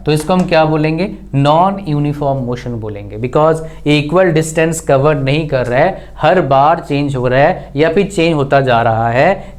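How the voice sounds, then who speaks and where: A man teaching an exam-prep physics lesson, constantly asking rhetorical questions and answering them himself, mixing terms into his speech. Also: fairly high pitch. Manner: mixes English terms into Hindi. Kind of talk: online exam-prep lecture.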